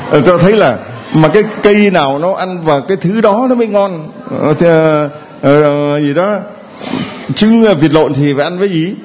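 A man's voice: fairly high pitch, moderate pace, darkish tone, a little hiss or hum. A man preaching a homily who keeps a playful tone, quizzing the congregation with questions and chuckling between points. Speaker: priest.

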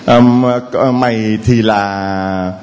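A man voicing God as a weary older male figure who is slowly naming creatures, dragging out his words as he ponders. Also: medium pitch, sing-song, darkish tone, faint music behind, natural voice. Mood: pondering. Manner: slow and drawn-out, pondering.

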